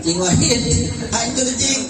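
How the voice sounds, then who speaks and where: A man's voice: extremely high pitch, slow. A man preaching a comic Islamic sermon at a house gathering, teasing the crowd. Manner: joking, teasing the crowd, lively. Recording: echoey room, distant mic, music.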